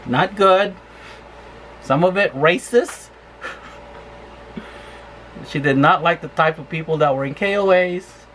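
A woman's voice: fairly low pitch, takes it slowly, pauses often, a little hiss or hum. A woman travel vlogger ranting angrily and swearing about her RV campsite. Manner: furious, profane complaining. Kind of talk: angry vlog rant.

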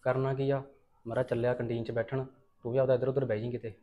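A man's voice: mid-range voice, little pitch movement, fast, narrow, tinny audio, close to an everyday voice. A young man in a short film playing a chatty college classmate grumbling about a strict teacher. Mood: casual, grumbling. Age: young adult.

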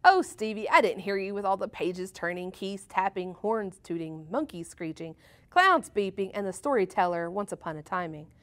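A woman's voice: mid-range voice, lively intonation, normal speed, close to an everyday voice. A woman voicing a cheerful, oblivious librarian in a children's storybook reading. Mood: gently scolding. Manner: bright, enthusiastic exclamations.

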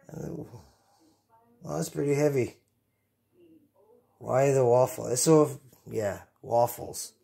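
Giggly, tipsy middle-aged man with gravelly creak. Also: fairly high pitch, mellow. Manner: giggly, tipsy drunk rambling; sweary, goofy, repeats himself. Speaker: host of a home cooking vlog. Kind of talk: rambling casual chat to camera. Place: home kitchen, indoors. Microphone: phone, handheld then propped nearby.

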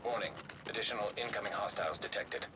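A man voicing a game's computer announcer, giving terse status reports in flat machine-like phrasing. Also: lowish voice, fast talker, natural voice. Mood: clipped. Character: male game computer announcer, calm and clipped. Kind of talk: in-game system announcements. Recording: loud gunfire and battle noise. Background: gunfire and battle ambience.

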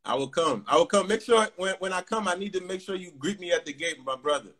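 An upbeat man in his forties chats through a livestream video call, his voice a bit higher than most men's. He talks into a phone held close in an indoor room, with quick greetings and frequent laughter. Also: lively intonation, a bit bright. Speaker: livestream host. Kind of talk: casual video call chat. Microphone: phone at close range.

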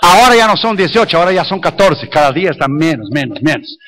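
A man's voice: fairly high pitch, very animated, fast talker, fairly bright tone. A male evangelist preaching a sermon with emphatic repetition, dropping in English phrases.

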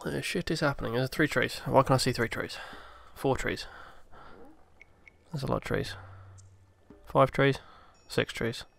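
A man's voice: mid-range voice, unhurried, gravelly, fairly bright tone. A man casually commenting on his own gameplay, chatty and swearing freely as he mutters along. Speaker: let's play host.

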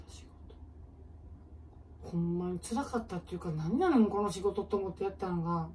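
A woman comedian with a Kansai accent, musing aloud in relaxed casual chat while she preps food, answering viewer comments. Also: fairly low pitch, brisk. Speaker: comedian and channel host. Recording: distant mic with faint kitchen noise.

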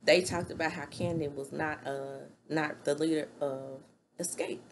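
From a small room at home, a middle-aged woman gives a chatty, opinionated reality-show recap, gesturing with her hands as she talks. Her low voice is steady and unhurried, picked up by a desk-distance webcam with a little hiss or hum.

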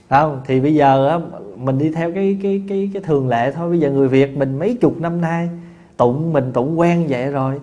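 A man, a Buddhist monk teacher giving a dharma talk in a folksy, conversational way, with many fillers and restarts and lively anecdotes. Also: medium pitch, lo-fi sound. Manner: tells lively anecdotes with laughter. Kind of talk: dharma talk answering questions.

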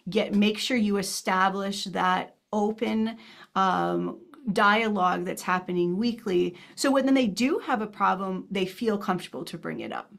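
A woman's voice: mid-range voice, a little slow, creaky, fairly bright tone. A woman coach on a webinar panel giving earnest, direct advice over a video call, with a few ums.

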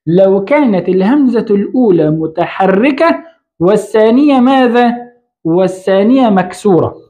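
A man's voice: high voice, lively intonation, moderate pace, mellow. A man teaching Arabic grammar in an online lesson. He writes on a board as he explains, asks the learner a question, answers it himself, and often corrects his own slips.

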